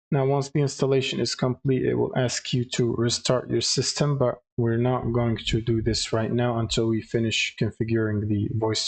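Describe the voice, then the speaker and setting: In a software tutorial, a man with a mid-pitched voice explains things casually, one step at a time, with slightly hesitant pauses.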